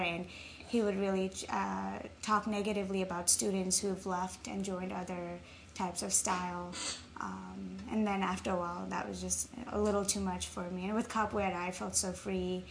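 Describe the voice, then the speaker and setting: With a medium-pitched voice marked by vocal fry, a young woman from Nepal answers questions reflectively in a relaxed interview, frequently filling pauses with "um." Faint background noise is audible.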